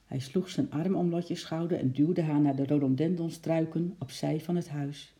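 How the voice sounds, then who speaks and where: A storyteller reading a children's story aloud, lively and adding sound effects for the animals. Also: medium pitch, normal speed.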